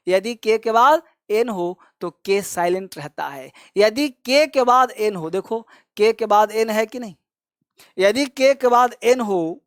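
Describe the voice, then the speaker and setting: A man's voice: high-pitched, dry recording. Patient man drilling a lesson, dry sound. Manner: repeats each rule over and over, coaxing students; fond, familiar address to viewers as friends and kids. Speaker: spoken English teacher. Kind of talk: classroom lesson explanation.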